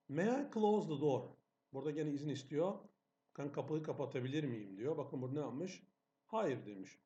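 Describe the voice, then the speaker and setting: A man's voice: fairly high pitch, mellow, dull audio. A male English teacher patiently walking students through exam questions, asking and answering his own questions. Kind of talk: exam-prep lesson narration over slides.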